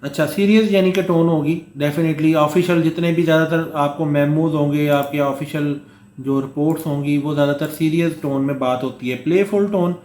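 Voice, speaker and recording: A man's voice: fairly high pitch, fairly even intonation, normal speed, a little mellow, roomy sound. A man teaching a course, explaining in a conversational lecture with fillers and frequent check-ins, somewhat short of breath and coughing at times. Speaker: course instructor. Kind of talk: Hindustani lecture mixed with read-out English.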